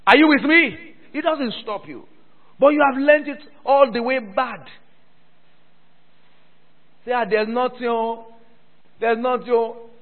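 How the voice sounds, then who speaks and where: A pastor with an extremely high voice preaches unhurriedly to his church, pausing often, repeating phrases and inviting the congregation to answer back. The sound is thin and phone-like, echoing with the long reverb of the church hall.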